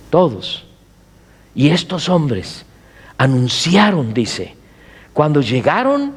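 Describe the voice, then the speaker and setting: Animated middle-aged preacher man. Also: mid-range voice. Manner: animated preaching with rhetorical questions to the congregation. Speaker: pastor. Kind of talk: Spanish-language sermon.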